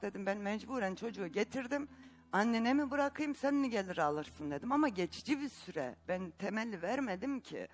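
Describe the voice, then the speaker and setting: A woman guest on a talk show, telling her side and protesting defensively. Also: mid-range voice. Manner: defensive, rising to angry protest.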